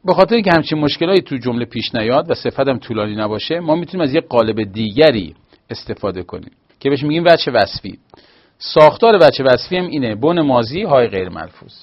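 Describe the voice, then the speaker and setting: A man's voice: medium pitch, sing-song. A man teaching a grammar lesson, explaining patiently with small hesitations. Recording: slightly dull lo-fi recording.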